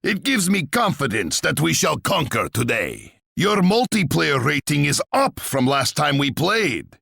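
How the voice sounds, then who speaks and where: A gleeful, menacing tsar for a video game. The voice is gravelly and husky. It swoops dramatically up and down, pompous and relishing its own threats. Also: male voice, fairly high pitch, sing-song, unhurried, sharp tone, no room sound, clean studio sound, exaggerated voice. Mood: calculating. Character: boastful, menacing Russian tsar and warlord, imperious and gleeful. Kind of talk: video game character voice lines.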